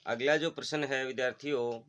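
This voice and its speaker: A male teacher giving a recorded lesson, slowly saying words and repeating them for pupils to echo. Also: medium pitch, steady tone, fairly bright tone. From India. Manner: slow, repeats each word for pupils to echo.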